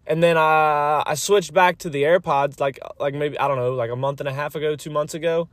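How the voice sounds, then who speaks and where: The podcast host talks briskly in a steady, higher-pitched voice without echo. Sitting alone in a parked car on a rainy day, he records on his phone, rambling in an informal, mildly profane way as rain hits the car roof.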